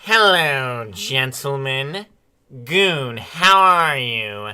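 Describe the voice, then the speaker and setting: Affected, very slow supervillain doctor. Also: male voice, mid-range voice, lively intonation, noisy background. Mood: smug, genteel. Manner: affected, put-on villain voice, drawn-out. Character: eccentric theatrical male supervillain doctor with hook hand. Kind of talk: comedic radio theatre acting.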